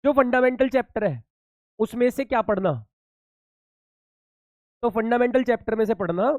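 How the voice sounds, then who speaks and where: A man's voice: very high voice, moderate pace, a little mellow, dry recording. A man teaching commerce students in a casual exam-tips lesson, chatty and reassuring, calling them beta.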